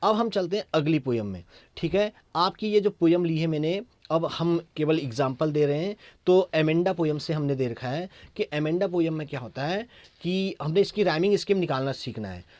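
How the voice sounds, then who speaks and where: Man, Indian accent, English teacher, classroom lesson, fairly high voice, dry close sound. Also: animated, darkish tone, no echo. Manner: repetitive, checks understanding with short questions; reads English verses slowly and deliberately.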